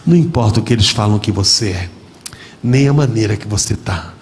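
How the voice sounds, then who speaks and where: A man doing a soft-spoken old pastor father. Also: lowish voice, a little hiss or hum, pitched below the performer's own voice, natural voice. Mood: solemn. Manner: soft, slow and tender. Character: gentle older male pastor, loving father.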